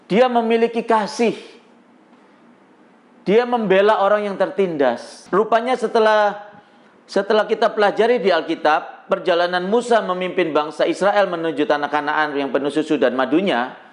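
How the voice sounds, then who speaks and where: A middle-aged man from Indonesia preaches to his congregation in a high voice. He tells his testimony with drama, acting out the shouts and the prayers he recalls and calling out to the listeners again and again. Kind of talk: sermon testimony.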